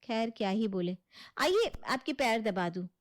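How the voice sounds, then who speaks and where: A woman's voice: fairly high pitch, lively intonation, unhurried, voice pushed down. A woman voicing a scheming, manipulative young wife who sweet-talks her in-laws in a cartoon story. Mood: sweet-talking. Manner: sugary, scheming.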